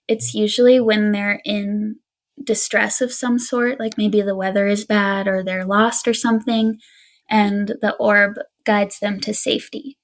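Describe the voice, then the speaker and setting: Slow, gravelly-voiced woman podcaster. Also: mid-range voice. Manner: relaxed, laughs often, easygoing with fillers. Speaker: podcast co-host. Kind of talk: casual storytelling chat.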